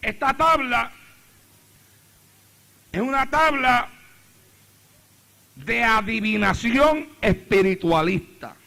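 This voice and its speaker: Pastor guy preaching, really high gravelly voice, bright and punchy, keeps repeating lines. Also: lively intonation, slow pace, long pauses. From Puerto Rico. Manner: preaching with rising fervor, repeating phrases. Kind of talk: sermon.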